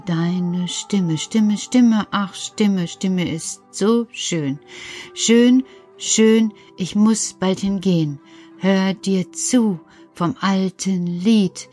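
A woman's voice: on the low side, darkish tone. A woman voicing Petra, a dreamy female puppet character reciting rhymes in a sing-song way.

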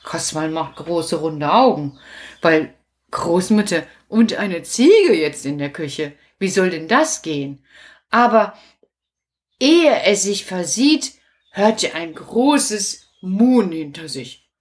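A woman narrating a children's story in a calm, lower voice. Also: slow pace.

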